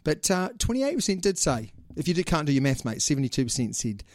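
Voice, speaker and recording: A man's voice: on the high side, big pitch swings, fast talker, no room sound, clean studio sound. A man with a New Zealand accent hosting a casual sports podcast, chatting in a slangy, teasing way. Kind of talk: casual chat.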